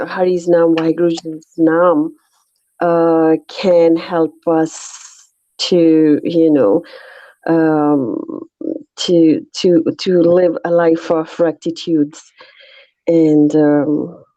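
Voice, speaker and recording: A woman with a North Indian accent speaking haltingly as she shares her reflections in an informal scripture discussion. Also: on the low side, dark tone, dry recording, dull audio. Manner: halting, searching for words. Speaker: discussion participant.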